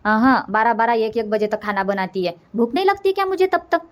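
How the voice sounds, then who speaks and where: A woman's voice: a little high, brisk, lightly acted. A woman voicing a nagging older village mother-in-law in a comic cartoon, rambling and scolding as she complains. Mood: complaining.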